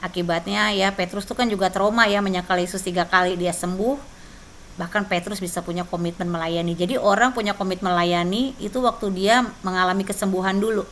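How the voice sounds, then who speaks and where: Brief: woman church trainer, bright tone, conversational teaching, faint background noise. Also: mid-range voice, steady tone, a little fast. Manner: conversational, frequent tag questions. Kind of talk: teaching with personal testimony.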